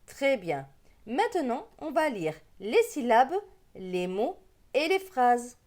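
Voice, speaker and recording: A woman gives a reading lesson for small children. She talks very slowly, spelling words out syllable by syllable, and her fairly high voice rises and falls in a lively way. She sounds gentle and encouraging. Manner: slow, deliberate, syllable by syllable. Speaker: reading teacher.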